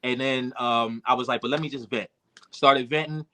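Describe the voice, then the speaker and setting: Man, bright tense voice, candid rambling storytelling, emotional. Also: medium pitch, fairly even intonation, normal speed. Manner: emotional, reflective, many fillers and restarts. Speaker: podcast guest, rapper and producer.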